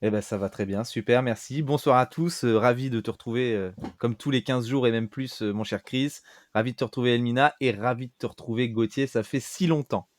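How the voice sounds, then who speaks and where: A man's voice: medium pitch, fairly quick, dry recording, studio quality. A man co-hosting a casual podcast, friendly, with mock-formal politeness. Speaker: podcast co-host. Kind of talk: casual chat.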